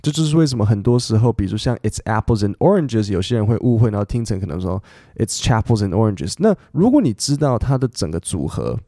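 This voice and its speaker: A man teaches English pronunciation in a casual, animated way. His voice is mellow and dark, recorded dry and close. He swings up high when acting out English examples. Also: quick pace, few pauses, no echo. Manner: animated, switches between Mandarin and English examples. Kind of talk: casual language lesson.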